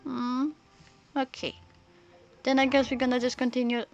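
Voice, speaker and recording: Thinking aloud in a halting ramble, a woman live streamer chats casually as she plays a story game with music underneath. Her voice sits high with a level tone, and the highs are cut off in the audio.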